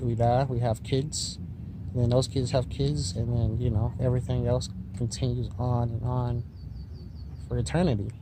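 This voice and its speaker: A man tripping on mushrooms, musing in a spaced-out, drifting, repetitive philosophical monologue addressed to the listener. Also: mid-range voice. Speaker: vlogger. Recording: noisy recording with vehicle-like ambient noise.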